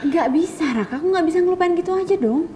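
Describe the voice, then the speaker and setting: A woman's voice: extremely high pitch, animated, fast talker, dark tone, a little hiss or hum. An actress playing a young woman who insistently demands the truth from her boyfriend in a TV drama. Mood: pressing. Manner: insistent, pressing questions. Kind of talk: TV soap drama acting.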